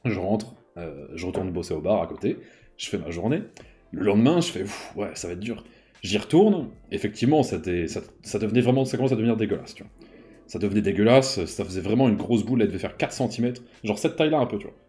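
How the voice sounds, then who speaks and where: A man's voice: on the low side, fast talker. A man in his thirties telling a personal story in a casual, slangy way, often adding "you see". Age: 30s. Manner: lively, slangy, peppered with "tu vois".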